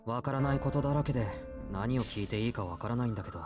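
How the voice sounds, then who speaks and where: Man playing a calm, fast-talking young man. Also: mid-range voice, over music, natural voice. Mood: calm, puzzled. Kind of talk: Japanese visual novel voice acting.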